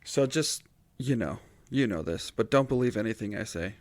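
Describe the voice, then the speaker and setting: A man's voice: lowish voice, animated, normal speed, dry recording. A man co-hosting a podcast, laid-back and dry, in casual chat. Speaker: podcast co-host.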